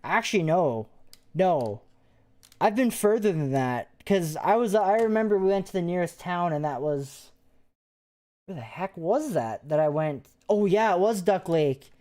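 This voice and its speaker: A woman's voice: on the low side, expressive, a little slow, mellow. A woman, a paranormal investigator, chatting casually and rambling with restarts while live-streaming.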